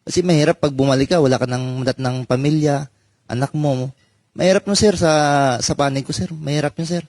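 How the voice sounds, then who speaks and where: A man, a former soldier, telling a personal story in halting speech and saying "sir" at almost every pause. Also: fairly high pitch, a little mellow, no room sound. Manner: halting, addresses listener as sir constantly. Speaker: former soldier giving testimony. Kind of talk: emotional personal account.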